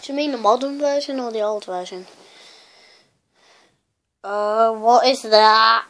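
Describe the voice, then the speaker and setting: A woman's voice: on the high side, steady tone, measured pace, a bit bright, slight background noise. A woman YouTuber chatting casually in a rambling, self-mocking way as she looks back at her old videos. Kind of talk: casual vlog commentary.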